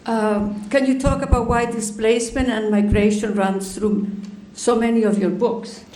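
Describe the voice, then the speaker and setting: A woman moderator reads out audience questions in a measured, even way. Her voice is slightly high and echoes around a roomy space, with faint noise underneath.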